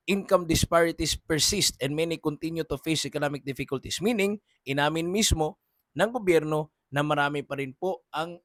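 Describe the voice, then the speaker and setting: A man's voice: fairly high pitch, fairly bright tone, dry recording, clean studio sound. A man hosting a political commentary monologue, earnest and polite, who keeps addressing his listeners directly.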